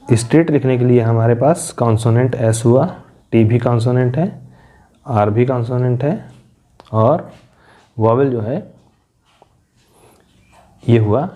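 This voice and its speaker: A man's voice: medium pitch, phone-quality sound. A man teaching an English lesson, explaining step by step and answering his own questions. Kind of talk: classroom lesson explaining syllable patterns.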